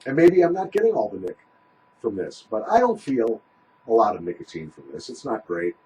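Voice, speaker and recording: A man's voice: lowish voice, very animated, a little fast, a little mellow, slight background noise, low-quality recording. A man giving a casual, rambling product review in a folksy, conversational way, talking with a small pouch tucked in his lip.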